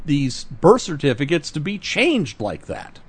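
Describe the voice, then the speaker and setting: A man's voice: fairly high pitch, huge pitch swings, a little slow, husky. A man co-hosting a political talk podcast, speaking earnestly and emphatically, often correcting himself mid-sentence. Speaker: podcast co-host. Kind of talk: political talk radio chat.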